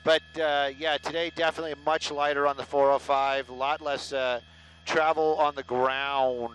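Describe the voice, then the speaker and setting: Middle-aged guy on a headset mic in a chopper, kinda high voice, rambly and sarcastic, poking fun at himself, soft engine hum. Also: little pitch movement, normal speed, rough recording. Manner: rambling, joking, self-deprecating, sarcastic. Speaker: helicopter traffic reporter. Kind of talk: live casual on-air chatter. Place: inside a helicopter in flight.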